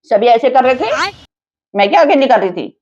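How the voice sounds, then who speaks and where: A woman's voice: high voice, sing-song, normal speed, highs cut off, a crowd in the background. A middle-aged woman telling a comic story as a mother-in-law, chatty and indignant. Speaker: mother-in-law in comedy sketch. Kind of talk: scripted comedy storytelling.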